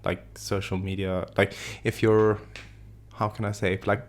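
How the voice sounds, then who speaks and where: A man co-hosting a casual podcast, animated and opinionated, often giggling between points. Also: lowish voice, measured pace. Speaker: podcast co-host. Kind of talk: casual chat.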